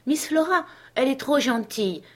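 Lady reading a worried old housekeeper in an audiobook, earnest, pleading, voice pitched a bit up. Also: lively intonation, moderate pace, a bit bright. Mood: gentle. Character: kindly worried older woman housekeeper.

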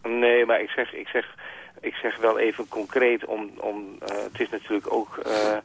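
A man from Groningen calling in to a radio show, heard over a telephone line, speaking in a halting, earnest way as he searches for words. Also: on the low side, level tone, vocal fry, a bit bright, a little hiss or hum. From Groningen, Netherlands. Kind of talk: phone-in conversation.

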